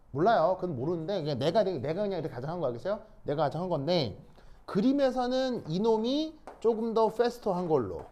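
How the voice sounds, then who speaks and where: A male chemistry teacher lecturing to a class with a high, lively voice that swoops up and down. He talks casually and keeps asking his students whether they follow, now and then slipping in English words. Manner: checks understanding with repeated questions.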